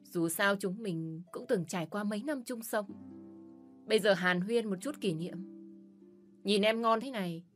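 A woman's voice: medium pitch, a little slow, lightly acted. A woman voicing a brutal, abusive man who leers and snarls threats, in an audio story over faint music. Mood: leering.

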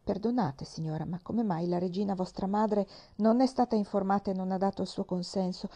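Stern, measured male bishop, lowered voice, warm tone; a female narrator voices him. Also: close to an everyday voice. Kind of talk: dramatic reading of a novel.

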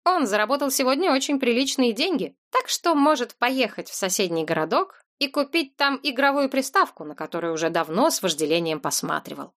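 A woman's voice: a little high, animated, a little fast, hardly any pauses, fairly bright tone. Woman narrating an audiobook.

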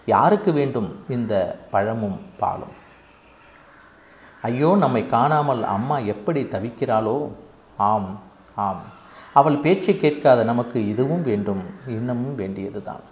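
A man's voice: medium pitch, darkish tone. Echoey male storyteller, dramatic reading. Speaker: audiobook narrator of short stories. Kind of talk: first-person story reading. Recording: echoey room with faint noise.

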